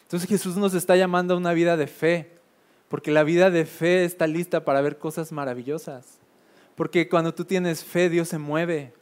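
Clear-voiced preacher man. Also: a little high. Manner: conversational, lots of filler tags, builds to emphatic repetition. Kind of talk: casual sermon.

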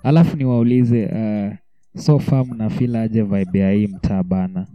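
A man's voice: fairly low pitch, steady tone, measured pace, dark tone, a little hiss or hum. A man with a Kenyan accent hosting a casual, hyped radio interview full of slang. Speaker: radio host. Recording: muffled, roomy radio interview audio.

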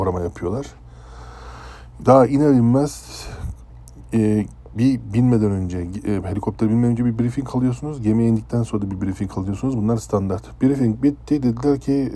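A man from Turkey, a former ship's chef, casually recounting a personal story in a conversational, animated way. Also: on the low side. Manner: conversational, animated when telling dramatic parts.

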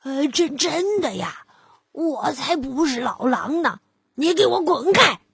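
A woman's voice: high-pitched, animated, takes it slowly, no echo, studio quality, exaggerated voice. Woman doing a stammering old wolf. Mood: flustered. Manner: stammering, fearful mumbling. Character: hungry old male wolf, timid and stammering.

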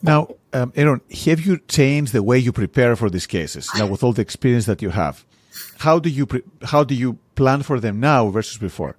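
A man hosting an interview, asking questions in a measured, thoughtful way with pauses. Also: mid-range voice, animated, slightly rough, dry recording. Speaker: podcast host.

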